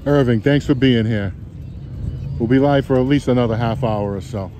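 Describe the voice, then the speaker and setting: A man's voice: medium pitch, normal speed. A man casually live-streaming from an outdoor stadium car meet, chatting with viewers and people nearby. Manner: relaxed, chatty, talks to viewers and bystanders. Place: outdoor stadium parking lot at a car show. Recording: loud outdoor traffic noise.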